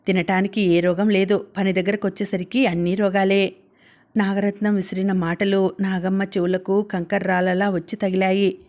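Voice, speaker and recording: A woman narrating an audiobook story in a measured, even reading. Her pitch is middling and holds very level, with little rise or fall. The delivery is steady and scripted.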